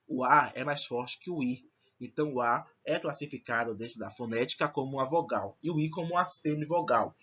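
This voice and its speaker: Male teacher, bright and sharp tone, explains step by step, dull lo-fi recording. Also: mid-range voice, slightly rough. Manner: explanatory, checks in with frequent "certo?". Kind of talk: recorded online Portuguese lesson.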